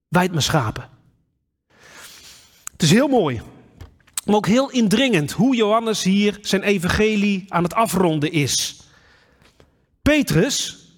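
A man's voice: sits high, in a large hall. A man preaching a sermon, telling a personal memory and then reading scripture aloud.

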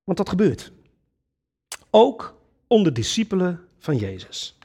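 A man's voice: high-pitched, creaky. A man preaching a sermon, earnest and emphatic, addressing his congregation directly. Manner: earnest, lively preaching with sudden emphatic rises.

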